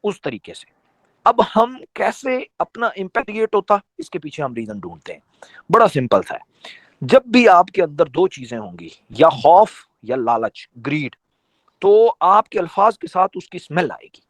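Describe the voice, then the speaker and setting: A man gives a motivational training talk to his team in an emphatic, conversational way. His voice sits fairly high and swings widely in pitch as he drives his points home with rhetorical questions. The sound is dry and close, with no room echo. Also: very animated. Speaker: network marketing trainer.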